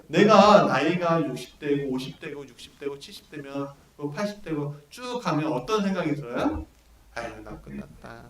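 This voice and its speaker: A male pastor preaching a sermon, animated and full of rhetorical questions to his congregation. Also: sits high. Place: church hall at a prayer meeting. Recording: echoey church hall, mic at a distance, congregation audible.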